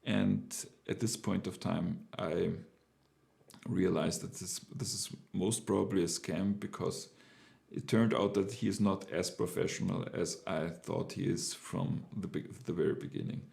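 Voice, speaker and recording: This entrepreneur, middle-aged and German-accented, tells of his business journey in a relaxed, halting way full of fillers and false starts. The voice is low, unhurried and steady, a touch mellow, with some vocal fry.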